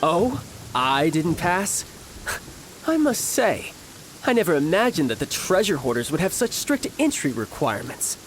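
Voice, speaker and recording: An actor playing a smooth, playful young harbinger in a video game, breezy, polite and theatrical. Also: male voice, fairly high pitch, very animated, a little slow, slight background noise, poor audio. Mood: playful, smug. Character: smooth, playful young male harbinger posing as toy seller.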